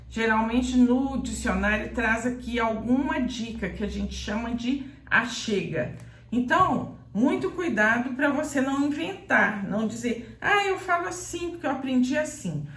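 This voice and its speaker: A Brazilian woman teaching pronunciation in a video lesson, speaking in a didactic, deliberate way and repeating words for emphasis. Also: on the high side, creaky, echoey room. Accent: Brazilian Portuguese. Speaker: Portuguese teacher.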